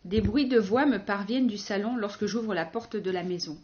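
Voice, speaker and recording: A woman reads a first-person novel aloud in a wry, ironic, measured way. Her voice sits at a middle pitch, and the recording is a bit dull and lo-fi. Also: darkish tone. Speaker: audiobook narrator.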